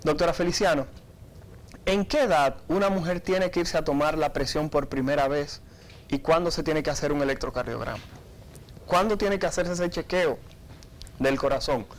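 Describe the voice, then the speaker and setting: A man's voice: fairly high pitch, normal speed. A man hosting a radio call-in health show, politely putting listener questions to a doctor. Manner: polite, apologetic about line problems. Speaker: radio talk show host.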